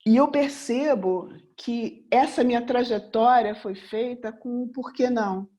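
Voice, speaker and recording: A woman's voice: a little high, unhurried, dark tone. A Brazilian woman from Rio in her fifties addresses a room as a mentor and therapist. Her talk is earnest and motivational, and she keeps coming back to the same rhetorical question. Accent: Brazilian Portuguese. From Rio de Janeiro, Brazil. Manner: earnest, returns again and again to one rhetorical question. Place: room before a live audience.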